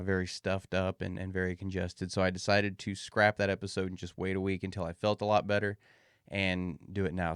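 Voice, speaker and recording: Low-voiced man hosting a casual podcast, slightly muffled. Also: clear, resonant tone, no echo, studio quality. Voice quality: slightly muffled from a swollen mouth after dental surgery. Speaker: podcast host. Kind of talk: casual solo podcast talk to listeners.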